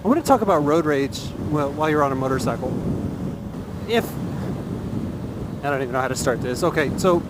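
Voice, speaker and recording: A Texas motovlogger talks from inside his helmet as he rides, offering his opinions casually and earnestly and repeating phrases to drive points home. His fairly high voice is animated and fairly quick, with frequent pauses. The helmet mic picks up loud wind and engine noise.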